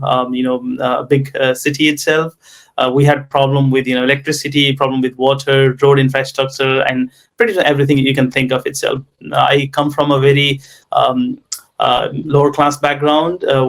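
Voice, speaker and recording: A tech entrepreneur in his thirties with a Nepali accent tells his life story in an interview. His medium-pitched voice is hesitant, full of pauses, ums and you knows.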